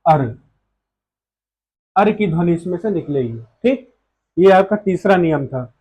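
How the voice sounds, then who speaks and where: A man's voice: high voice, animated, takes it slowly, darkish tone, husky, rough recording. A man teaching a grammar lesson, explaining step by step and answering his own questions.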